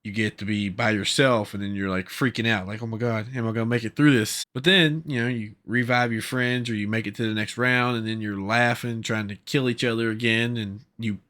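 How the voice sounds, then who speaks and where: A man co-hosting a casual gaming podcast, excitable and telling stories with animated quotes. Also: lowish voice, moderate pace, hardly any pauses. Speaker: podcast co-host.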